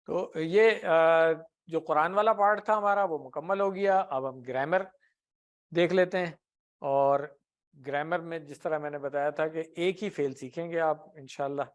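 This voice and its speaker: A man teaching Arabic grammar in an Urdu classroom lecture, patiently explaining with everyday examples and asking the class questions. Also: a little high. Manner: often ends points with a tag question.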